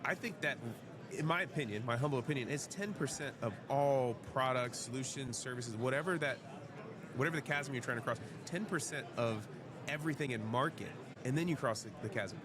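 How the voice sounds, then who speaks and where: Against the crowd chatter of convention visitors on a showroom floor, a male panel guest, a fleet charging developer, speaks thoughtfully and often ends his points with "right?" His voice is mid-range and brisk.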